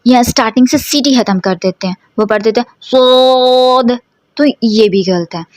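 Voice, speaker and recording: Speaking a little fast in a mid-range, slightly mellow voice, a woman gives a slow, careful lesson on pronouncing Quran letters. She breaks things down step by step, questions her students, and draws out every model sound for them to echo. The recording is dry.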